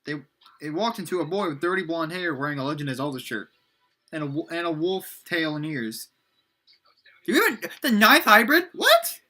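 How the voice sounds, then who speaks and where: A man's voice: on the high side, brisk, fairly bright tone. A man casually reading his own book aloud, stumbling, correcting himself and adding chatty asides.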